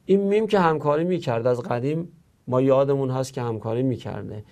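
A man's voice: mid-range voice, a little mellow. A man teaching an Arabic grammar lesson, explaining step by step and answering his own questions.

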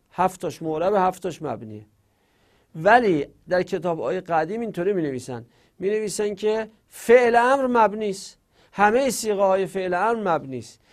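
A man's voice: high voice, vocal fry. A man teaching a grammar class, explaining step by step and repeating each example aloud.

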